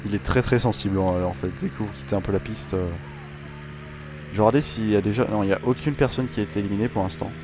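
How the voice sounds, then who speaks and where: A fast-talking man with a lowish voice casually commentates on his own racing game. As a gaming channel host, he rambles, jokes, and restarts often with lots of fillers, and game sounds and music run behind him.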